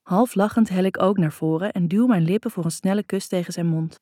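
A woman's voice: fairly low pitch, fairly quick, warm tone, dry recording, studio quality. A woman narrating a first-person novel in an intimate, reflective way. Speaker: audiobook narrator.

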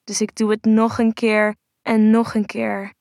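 Gravelly, hushed woman storyteller. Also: on the high side, completely flat delivery, measured pace, no room sound, studio quality. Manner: soft and intimate, hushed. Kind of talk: first-person erotic audio story narration.

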